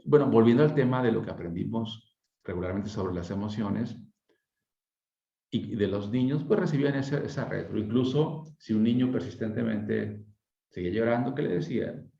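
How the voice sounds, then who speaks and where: A man talking through emotions in relaxed conversation, often pausing to ask rhetorical and tag questions. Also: lowish voice, creaky. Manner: reflective, asks rhetorical questions, frequent tag questions. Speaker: speaker on emotional wellbeing. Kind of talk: conversational explanation. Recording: echoey lo-fi room sound.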